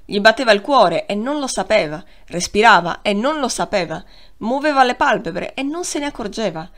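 A woman reads a literary novel aloud for an audiobook. Her pitch sits in an ordinary middle range, and her delivery is measured and expressive, easing the pace on the phrases that matter. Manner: measured, expressive reading that slows on key phrases. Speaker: audiobook reader. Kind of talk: scripted literary narration.

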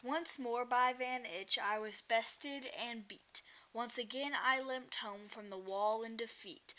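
A woman reads a rhyming children's picture book aloud, her voice bright and fairly high. She takes a very slow, lilting pace through the verse. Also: slight background noise. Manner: lilting rhymed reading. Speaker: storyteller.

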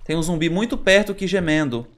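A man's voice: fairly high pitch, animated, fast, a little hiss or hum. A Brazilian man hosting a Minecraft let's play, chatting to viewers and nervously exclaiming as he explores. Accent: Brazilian Portuguese. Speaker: gaming channel host.

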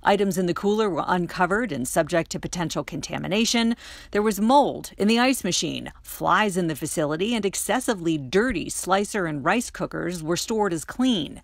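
A middle-aged woman reporter reading a scripted news voice-over in a steady, crisp delivery. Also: lowish voice, moderate pace, no room sound, studio quality. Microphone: studio voice-over mic.

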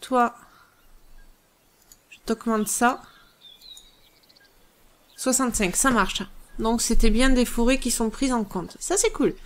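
A woman with a slightly high voice hosts a let's play of a strategy game. Thinking aloud, she sounds musing and hesitant, leaving many pauses.

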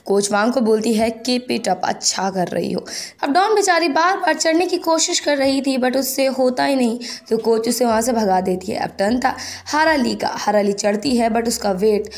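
A woman recaps a drama's plot in scripted, plain storytelling narration, slipping English words in as she goes. Her voice is on the high side, with a normal pace.

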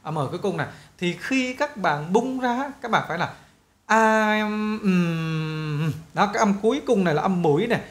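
Young male English teacher with a Vietnamese accent, slightly high voice, drills words with emphasis. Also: echoey room. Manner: lively, repeats model words slowly and loudly. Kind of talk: pronunciation lesson.

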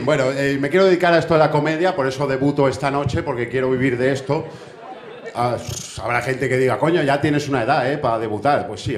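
Brash stand-up comedian in an echoey theater. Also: male voice, mid-range voice, background noise. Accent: Spain Spanish. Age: 30s. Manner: brash, profane, chatty with the crowd. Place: theater stage. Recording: echoey theater with faint audience.

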